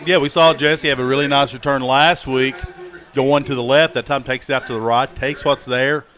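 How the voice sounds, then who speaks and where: A man's voice: medium pitch, steady tone, normal speed, a bit bright. Chatty American radio color commentator man. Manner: chatty, analytical, drops to asides. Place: high school football stadium broadcast booth.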